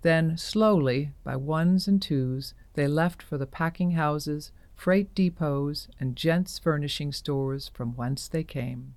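Woman, narrator, measured storytelling, dry close sound. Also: low voice, a little mellow, no room sound. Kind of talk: scripted narration of an audio drama.

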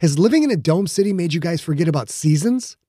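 A man's voice: a little high, expressive, fast talker, dark tone, slightly rough, no echo, voice pushed up. A level-headed young groom with a mild, slightly exasperated way of talking, as a male narrator plays him. His voice stays close to the reader's own, recorded dry and close.

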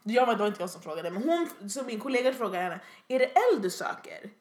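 A young woman, casually chatting and retelling stories with lively acted quotes. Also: mid-range voice. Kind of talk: casual chat, storytelling. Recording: echoey room.

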